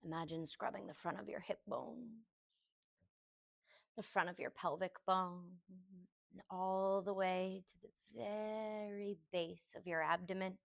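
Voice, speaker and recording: Guiding a meditation, a woman yoga teacher speaks in a medium-pitched, gravelly voice. Her instructions come gently and without hurry, in short phrases separated by pauses.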